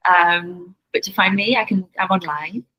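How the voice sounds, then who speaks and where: On a muffled recording, a woman with a voice on the low side chats casually at normal speed as a podcast interview guest. A family constellations facilitator, she earnestly describes her healing practice, often repeating words while she hunts for the right ones.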